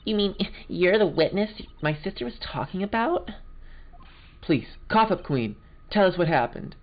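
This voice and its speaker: A man's voice: high-pitched, very animated, a little slow, dull audio, voice pushed up, full character voice. A man voicing a flustered young male defense lawyer who stammers nervously.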